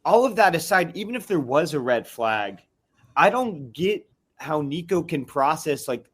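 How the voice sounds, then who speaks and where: A man's voice: a little high, very animated, a little slow, slightly rough. A man calling into a live fan podcast, fired up and venting in rambling bursts full of restarts and fillers. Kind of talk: casual venting chat.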